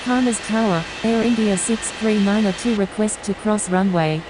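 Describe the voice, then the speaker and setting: A woman's voice: mid-range voice, moderate pace, close to an everyday voice. A woman playing a businesslike airline pilot over the radio, speaking in procedural phraseology. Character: businesslike female airline pilot calling the tower. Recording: hissy radio with engine-like noise.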